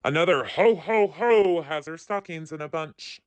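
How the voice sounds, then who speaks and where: A woman using a deep pitch-shifted voice changer to play a jolly Santa-like old man with a slow, mocking ho-ho-ho. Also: dry recording.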